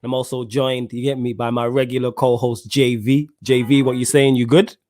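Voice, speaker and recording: A man's voice: mid-range voice, little pitch movement, moderate pace, darkish tone. A man with a London roadman accent hosting a casual football fan podcast, talking in slangy street style to his listeners and co-host.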